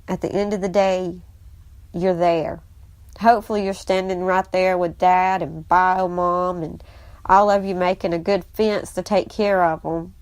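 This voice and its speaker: A woman's voice: mid-range voice, no room sound. A woman, talking casually as a host and stepmom, telling family stories and giving advice. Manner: chatty storyteller, animated when quoting the kids.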